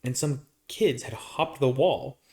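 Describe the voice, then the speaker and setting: A man co-hosting a podcast, telling family stories in a casual, animated way, laughing often and acting out what people said. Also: mid-range voice, slow pace. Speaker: podcast co-host. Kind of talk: casual storytelling.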